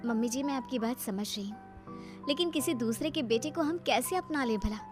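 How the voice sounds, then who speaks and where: Brief: a quiet, respectful young wife in a cartoon, voiced by a woman, high, hushed voice over light music. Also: expressive, normal speed, lightly acted. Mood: polite. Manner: quiet, polite, hesitant. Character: soft-spoken young wife, respectful to her mother-in-law. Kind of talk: cartoon story voice acting.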